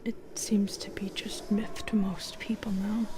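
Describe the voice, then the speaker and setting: A woman playing a lonely, cursed Medusa in an audio roleplay, speaking slowly and haltingly in a hushed half-whisper. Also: mid-range voice, level tone, lightly acted. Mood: bitter resignation. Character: modern Medusa, lonely cursed woman, bitter yet gentle. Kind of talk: intimate audio roleplay acting.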